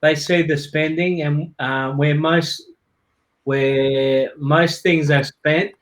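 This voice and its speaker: An Australian man hosts a live chat and reads viewer comments with upbeat energy. His voice sits a little higher than most men's. He talks casually and is friendly. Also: fairly even intonation, slow, poor audio. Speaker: host. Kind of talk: live-stream hosting, reading comments.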